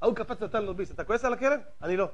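A rabbi preaching a fiery sermon in a very high voice for a man. He fires off rhetorical questions and swings between loud outbursts and hushed asides. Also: lively intonation, highs cut off, slight background noise.

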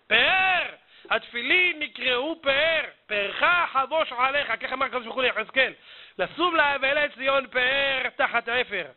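A man preaching a sermon to an audience, telling a parable with emphatic, dramatic delivery. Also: extremely high pitch. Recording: tinny phone-like audio.

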